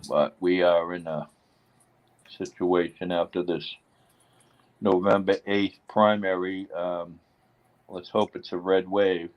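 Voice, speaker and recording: A man's voice: deep voice, level tone, slow pace, pauses often, no room sound, muffled recording. A man with a Boston accent in casual chat on a live stream, rambling with many restarts.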